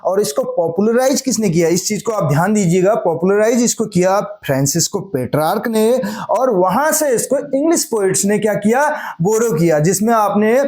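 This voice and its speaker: A man with a high voice gives an English literature lesson in a mix of Hindi and English. He turns each point into a question and answers it himself. He reads the English lines slowly, then explains them. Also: a little mellow. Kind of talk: Hindi-English classroom lecture.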